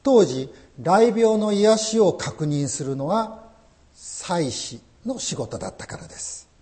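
A man's voice: sits high, very animated, takes it slowly, dark tone. A man preaching a sermon as pastor, emphatic and full of rhetorical questions.

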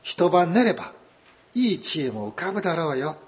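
Man doing a high shrill old wife, nagging, coaxing, folk-tale character, swooping voice. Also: big pitch swings, normal speed. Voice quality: high, shrill when upset. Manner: coaxing, then shrieking. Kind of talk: folk tale told in a sermon.

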